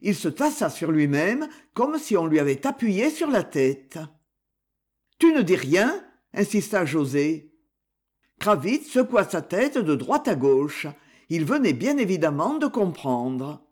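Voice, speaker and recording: A man narrating a literary novel aloud in a measured storytelling manner. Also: fairly high pitch. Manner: measured storytelling with lively intonation. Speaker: audiobook narrator.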